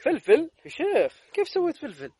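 A man with a Gulf Arabic accent coaxing small children in a playful, animated way at an outdoor playground. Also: very high-pitched, fast talker, background noise. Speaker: vlogger. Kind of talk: casual talk to small children.

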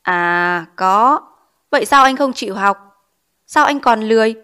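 A woman's voice: a little high, animated, measured pace, pushed and bright, smooth. A woman reading as a stern old schoolteacher. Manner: scolding, probing questions. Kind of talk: audiobook character reading.

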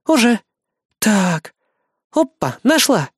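A reader voicing a young female assistant in an audiobook, quick and matter-of-fact with a teasing edge. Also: mid-range voice, very animated, husky, dry recording, studio quality, pitched above the performer's own voice, exaggerated voice. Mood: brisk, wry.

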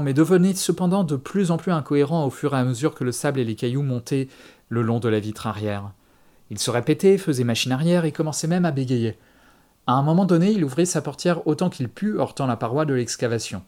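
A man reading a story aloud in the first person, with measured, steady audiobook narration. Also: a little high.

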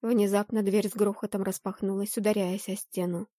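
A woman narrating a fantasy audiobook in the first person, with expressive, steady storytelling. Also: medium pitch, a little fast, dry recording, studio quality.

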